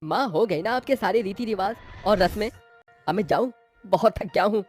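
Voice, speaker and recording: A man's voice: mid-range voice, brisk, natural voice. Guy doing furious young husband in a cartoon, curt and harsh, faint music behind. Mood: angry. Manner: curt, shouting.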